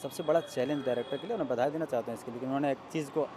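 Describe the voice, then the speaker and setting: A man giving a measured, explanatory review of a film in a street interview. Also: medium pitch. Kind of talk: street vox-pop interview. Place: outdoors on a city street. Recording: faint street noise outdoors.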